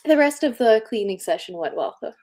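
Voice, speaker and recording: A young woman chatting casually on a livestream, telling a story in an animated way with frequent laughter. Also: on the high side, fairly quick. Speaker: co-host of a productivity stream.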